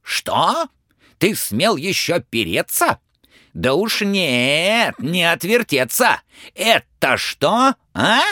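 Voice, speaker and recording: A man voicing a blustering, angry old tsar in a storybook reading, shouting threats. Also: fairly high pitch, big pitch swings, very slow, no room sound, studio quality, voice pushed up, full character voice. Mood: furious.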